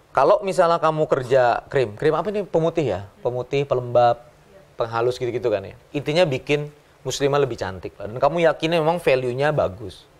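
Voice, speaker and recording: A middle-aged man giving a motivational business seminar, playful, acting out little scenes and jumping up and down in pitch. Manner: playful, acts out little scenes with jumps in pitch, laughs often. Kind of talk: animated motivational seminar talk.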